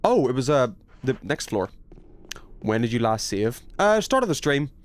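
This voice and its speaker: Speaking at normal speed in a sing-song, mid-range voice, this young adult streamer plays a horror game and reads out chat messages to answer them. His talk is relaxed and playful, with light teasing and the odd mild swear.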